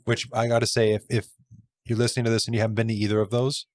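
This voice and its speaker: A man's voice: fairly low pitch, little pitch movement, racing, darkish tone, no room sound, clean studio sound. A Canadian man hosting a casual podcast interview, talking with eager emphasis. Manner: enthusiastic, emphatic. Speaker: podcast host.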